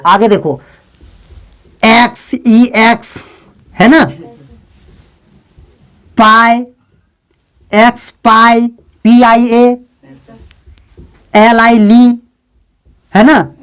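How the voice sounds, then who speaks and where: A male English teacher giving a classroom lesson, often questioning his students, spelling letters out slowly and joking with them in a fatherly way. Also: very high-pitched, fairly even intonation, a bit bright, clear, resonant tone. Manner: calls students "beta" in a fatherly way.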